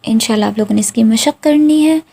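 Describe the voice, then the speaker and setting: A woman teaching Quran recitation rules, patiently repeating each syllable slowly for listeners to practice. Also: a little high, creaky, mellow, breathy edge. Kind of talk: slow tajweed lesson with drawn-out recitation.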